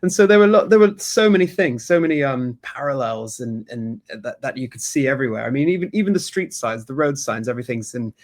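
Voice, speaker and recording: A man's voice: mid-range voice, expressive, a little fast, hardly any pauses. A man from Hong Kong with a British accent, chatting as an interview guest over a video call, laughing often and restarting his sentences with many fillers. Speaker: guest, sourcing company co-founder. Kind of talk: conversational interview answers.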